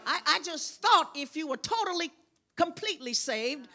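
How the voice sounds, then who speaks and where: An older woman preaching as a guest in church, lively with loud bursts of exclamation. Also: high-pitched, moderate pace. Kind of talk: sermon. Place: church sanctuary.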